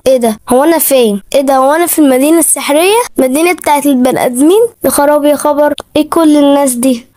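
A plucky cartoon lion cub as a woman puts it on bursts out with excited questions and exclamations. The voice is high-pitched, and the lines tumble out in quick succession. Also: no room sound, studio quality. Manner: excited, rapid-fire exclamations. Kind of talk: children's cartoon storytelling.

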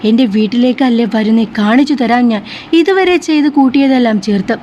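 A woman's voice: on the high side, brisk, warm tone, lightly acted. A woman reading as a scornful young husband. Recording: slightly muffled with faint hiss.

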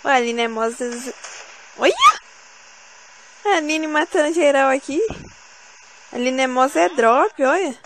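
Female gamer host, high voice, exasperated and teasing with her team. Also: a little slow, pauses often, background noise. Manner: bossy, teasing, exasperated banter with teammates. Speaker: gameplay channel host. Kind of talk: casual gaming commentary. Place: at home.

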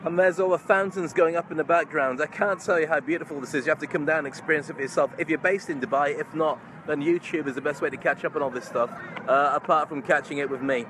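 A middle-aged vlogger, entrepreneur and stage hypnotist talks fast in a fairly high voice, chatting effusively and chummily to followers in a live vlog. He holds his phone at arm's length in a large open park among crowds, and the night crowd ambience makes the recording noisy.

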